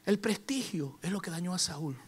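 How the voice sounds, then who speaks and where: A man preaching a sermon in a church, moving from quiet storytelling to shouted exhortation. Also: high-pitched, animated, normal speed, slightly rough. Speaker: apostle preaching.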